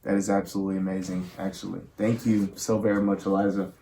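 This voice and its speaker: A man's voice: sits low, flat delivery, quick pace, mellow, slight background noise. A man speaking earnestly as the host of a spirit box session, with affectionate, reverent wording toward viewers and spirits. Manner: addresses listeners and spirit with affectionate, reverent words.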